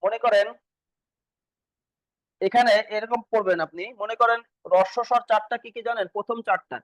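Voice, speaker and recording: A man with a high voice leads an exam-prep grammar class. He keeps repeating points and poses questions that he answers himself. The recording is dry and close, with no room sound. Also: steady tone, moderate pace, a bit bright, dry recording, poor audio. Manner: repetitive, quizzing students and answering himself. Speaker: teacher.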